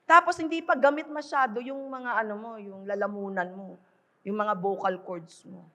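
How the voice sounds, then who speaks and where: A woman's voice: mid-range voice, moderate pace, pushed and bright. A middle-aged woman pastor from the Philippines gives a conversational conference sermon, mixing in English and often checking in with the crowd. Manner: conversational, switching between Tagalog and English, often asking "di ba?". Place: large conference hall. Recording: long hall reverb from a conference venue.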